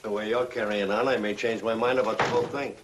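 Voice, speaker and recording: A man's voice: on the low side, fairly even intonation, quick pace, noisy background, lightly acted. An actor playing a skeptical, sarcastic tough guy in an old crime drama, talking in hard-edged slang.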